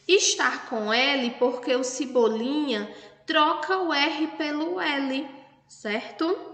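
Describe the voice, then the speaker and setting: Slow, patient teacher woman, echoey room. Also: sits high, a bit bright. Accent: Brazilian Portuguese. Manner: slow, patient, spells out syllables for children. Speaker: primary school teacher. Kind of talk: recorded remote class lesson. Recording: echoey room with long reverb.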